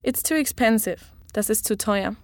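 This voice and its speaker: A woman tutoring a language lesson, giving each phrase slowly and clearly for a learner to repeat. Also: mid-range voice, dry recording, clean studio sound. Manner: clear, measured model pronunciation.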